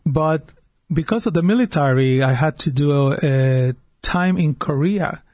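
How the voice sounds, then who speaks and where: In clean studio sound with no room sound, a diocesan worship director in his fifties from Puerto Rico tells a personal story on a radio interview. His voice is on the high side and darkish, at a measured pace, and his Puerto Rican Spanish-accented speech is earnest, with frequent repeated words as he restarts.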